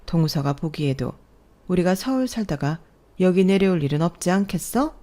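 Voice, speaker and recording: A woman plays sneering, condescending sisters-in-law in a storybook drama. Her voice is fairly low and warm, yet every line drips with sarcasm and mockery. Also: lively intonation, normal speed, close to an everyday voice. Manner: mocking and sarcastic.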